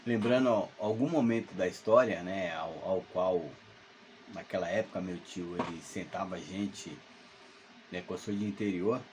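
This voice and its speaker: Recounting a spooky tale from his youth, a man in his fifties from Salvador speaks alone at home, hesitant and meandering, with many fillers and restarts. The voice is deep and a little mellow, at a normal pace, with slight background noise.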